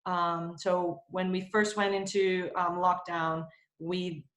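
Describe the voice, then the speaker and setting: A woman's voice: lowish voice, flat delivery, slow pace, a bit bright, echoey room. A woman in her thirties, from Brazil, speaking thoughtfully with many fillers as an interview guest on a video call from home. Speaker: marketing executive guest. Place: home in Spain.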